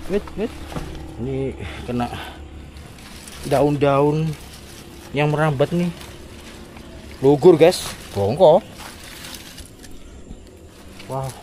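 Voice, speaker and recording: Indonesian guy doing a night explore vlog, soft dark voice, kinda halting, crickets and a bit of noise outside. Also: a little high. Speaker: vlogger exploring an abandoned site at night. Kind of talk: casual vlog commentary to viewers, exploring at night. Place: outdoors in overgrown wooded area at night. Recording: outdoor night noise, insects.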